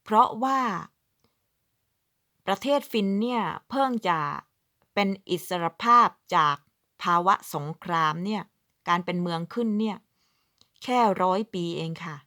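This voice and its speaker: In clean, echo-free studio audio, a woman from southern Thailand, a vlogger living overseas, shares casual advice to camera with emphasis, acting out quoted speech in a chatty way. Her mid-range voice is bright and forceful, unhurried, with long pauses.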